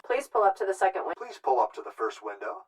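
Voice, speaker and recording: A voice heard through a drive-thru speaker, repeating a flat recorded instruction. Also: medium pitch, fast, slightly rough. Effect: drive-thru speaker announcement. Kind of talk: recorded announcement clip. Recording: distant drive-thru speaker sound clip.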